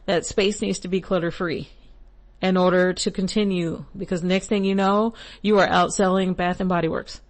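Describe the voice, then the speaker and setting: Giving relaxed spiritual advice on her podcast, this young adult host talks in a chatty, meandering style full of asides and laughs. She's a millennial whose first language is English, and her voice is on the low side, steady, and moderately paced.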